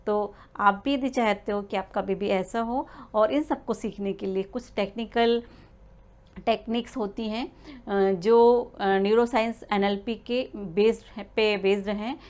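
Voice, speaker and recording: A woman's voice: mid-range voice, fairly even intonation, a little slow, darkish tone. A woman giving a spoken lesson to expecting mothers, explaining step by step with frequent "uh" fillers and small restarts. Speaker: prenatal learning coach.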